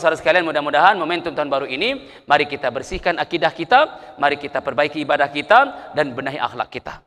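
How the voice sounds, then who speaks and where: A middle-aged man preaching a sermon to a mosque congregation, animated and often turning to his listeners for agreement. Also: mid-range voice. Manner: animated, keeps checking in with the congregation. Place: mosque hall. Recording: echoey mosque hall with long reverb.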